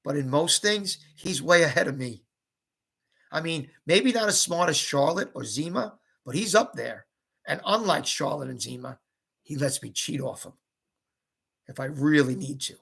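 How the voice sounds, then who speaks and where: Man reading aloud, expressive, casual asides, husky, bright tone. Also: a little high, moderate pace. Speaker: reader and commentator. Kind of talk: reading a novel aloud with commentary.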